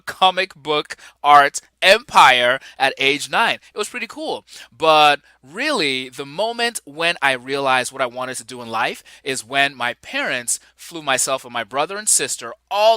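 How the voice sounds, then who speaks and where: A Nigerian man in his forties hosts his own podcast, opening the solo show with an upbeat, enthusiastic intro and chuckling asides. His mid-range voice has a sharp tone and sounds smooth, recorded with no echo.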